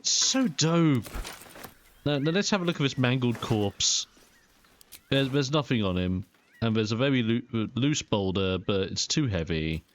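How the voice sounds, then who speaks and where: Lively young man doing game commentary. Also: medium pitch, a little slow. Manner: chatty, expressive. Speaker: gaming video host. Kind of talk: casual let's play commentary.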